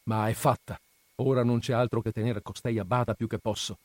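A man's voice: medium pitch, fairly even intonation, a little fast, a little mellow, dry recording, close to an everyday voice. A man doing a fretful village mother.

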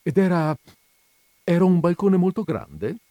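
A man reading aloud, voicing a cheerful gentleman who can't stop making puns. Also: mid-range voice, sing-song, measured pace, dry recording, voice pushed up. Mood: jovial. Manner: jovial, cheerfully pleased with own puns. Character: jovial punning male gentleman.

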